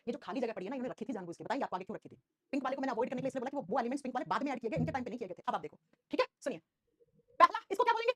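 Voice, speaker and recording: A woman teaching a live online class, coaxing her students and quizzing them with quick questions. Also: on the high side, sing-song, sharp tone, slightly rough, dry recording, clean studio sound.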